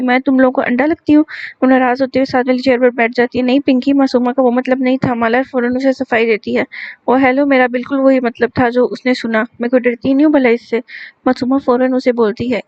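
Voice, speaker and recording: A woman reads a novel aloud with an Urdu-inflected Hindustani accent, keeping one steady storytelling voice for every character. Her voice sits high with little rise and fall. The recording is dry and a little muffled. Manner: even storytelling read, voicing every character herself. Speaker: novel reader.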